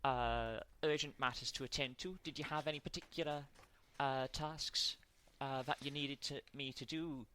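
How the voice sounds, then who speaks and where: A man's voice: medium pitch, fairly even intonation, normal speed, hardly any pauses, pushed and bright, a little hiss or hum. A man with an Irish accent playing a mechanic in a tabletop game, hesitant and full of ums. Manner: hesitant, lots of ums and uhs. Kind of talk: in-character role-play as a mechanic.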